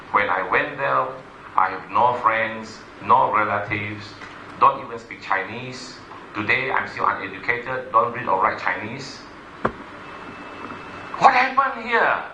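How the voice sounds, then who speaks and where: A middle-aged Malaysian man, a motivational business speaker, gives an emphatic stage presentation, addressing the audience directly and repeating his key points. His voice is fairly low, animated and unhurried. The sound is reverberant, with background noise.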